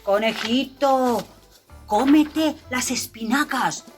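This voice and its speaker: A woman's voice: high-pitched, slow, breathy edge, soft background music, voice pushed up, full character voice. A woman voicing a fussing father rabbit in a storybook reading for children, giving firm, stretched-out commands. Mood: commanding.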